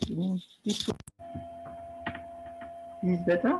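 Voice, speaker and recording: A woman with a lowish voice speaks slowly over a noisy background, presenting her project as a panel speaker at a remote conference. Her headset mic feeds distorted, muffled video-call audio, and she sounds hesitant, full of fillers and restarts.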